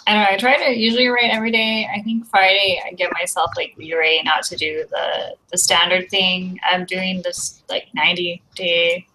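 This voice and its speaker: Woman author, bright tone, hesitant casual talker on a call. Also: lowish voice, level tone, moderate pace, few pauses, a little hiss or hum, poor audio. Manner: hesitant, many fillers and restarts. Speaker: author guest. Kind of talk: casual chat on a video call. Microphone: video call.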